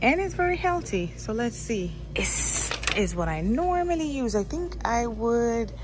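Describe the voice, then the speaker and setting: In a store aisle, a woman vlogs while she shops, her fairly high, sing-song voice moving at an unhurried pace over a noisy background. She chats casually and thinks aloud, often repeating herself, all captured on a handheld phone camera as shopping vlog narration.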